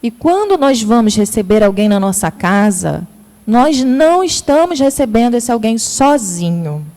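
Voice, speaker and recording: A woman's voice: a little high, big pitch swings, unhurried, warm tone. A woman in her thirties with a Rio de Janeiro accent gives a spiritist lecture and tells her story by acting out the dialogue. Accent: Rio de Janeiro Portuguese. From Brazil. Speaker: speaker at a spiritist center. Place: spiritist center lecture hall. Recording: long hall reverb.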